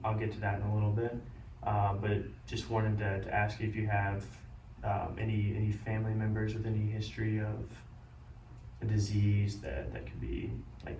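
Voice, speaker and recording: A man playing a caring doctor who breaks bad news gently, apologetically and haltingly in a role-played consultation. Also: lowish voice, dull audio, lightly acted. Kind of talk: amateur role-play of a medical consultation. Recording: roomy, distant mic, loud background noise.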